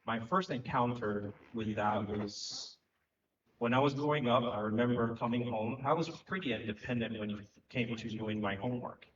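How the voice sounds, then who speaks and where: A man, speaking earnestly and reflectively on a conference panel, pausing often with fillers. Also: mid-range voice, a bit bright, a little hiss or hum. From Haiti. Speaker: panel speaker, economic development director. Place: conference hall at a live event. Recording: echoey, distant, muffled hall recording.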